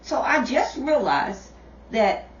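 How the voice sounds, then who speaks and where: A middle-aged mother talking casually to her viewers on camera, slow and repetitive, calling them y'all. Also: high voice, very animated, slight background noise. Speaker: vlogger, mother. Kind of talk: casual direct-to-camera talk. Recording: dull, roomy, distant camera audio.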